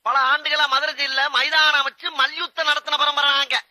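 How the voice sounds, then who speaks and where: A man's voice: very high-pitched, little pitch movement, fairly quick, bright, forceful tone, no room sound, exaggerated voice. An actor playing a boastful man in a comic, rambling monologue about prison.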